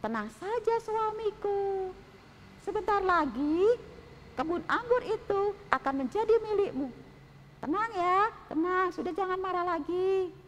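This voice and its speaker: A woman's voice: extremely high pitch, animated, a little slow, big-room sound, a little hiss or hum, pitched above the performer's own voice. Woman doing a sly, sugary queen. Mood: soothing. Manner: soothing, syrupy and sly. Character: scheming, sweet-talking queen, adult woman.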